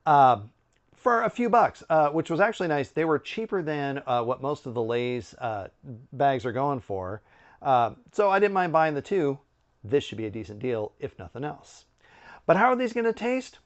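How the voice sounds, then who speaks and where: A middle-aged man giving a casual product review to camera, conversational, with musing pauses and asides. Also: fairly high pitch, very animated, lo-fi sound. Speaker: snack review video host. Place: indoor room with bookshelves.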